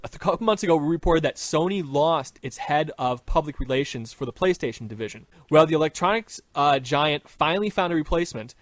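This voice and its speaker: A man's voice: on the high side, animated, a little fast, hardly any pauses, no echo. A man hosting a casual video game podcast, reading news items aloud between jokes with his co-hosts. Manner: reads news items, breaks into laughter.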